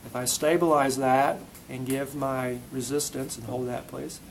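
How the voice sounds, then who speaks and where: In a noisy classroom recording, a man with a mid-range, creaky voice speaks at a measured pace with fairly even intonation. As the instructor of a hands-on demonstration, he drills students with brief repeated commands and tests them between steps.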